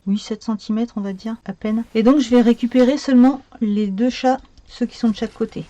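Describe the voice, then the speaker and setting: A woman's voice: a little high, fairly even intonation, fairly quick, mellow, no echo, dull audio. A woman talking her way through a card-making tutorial, chatty and thinking aloud with many fillers as she works. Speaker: craft tutorial host. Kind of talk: crafting tutorial narration.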